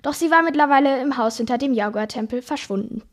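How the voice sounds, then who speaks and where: High-pitched teen girl reading a story excerpt out loud, lively and expressive. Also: quick pace. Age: teenager. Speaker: school podcast presenter. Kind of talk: reading a book excerpt aloud.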